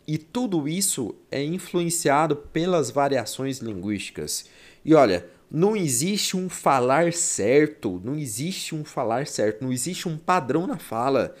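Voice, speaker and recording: A man's voice: a little high, darkish tone. A young man from Goiás with a Goiás Brazilian Portuguese accent, teaching an exam-prep language lesson in a chatty, slangy, playful way.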